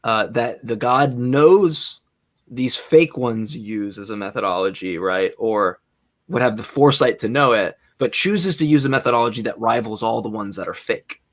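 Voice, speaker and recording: A man co-hosting a casual podcast, reasoning out loud with hesitant restarts. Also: mid-range voice, expressive, normal speed. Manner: thinks aloud, hesitant, many restarts and fillers. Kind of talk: casual debate podcast chat.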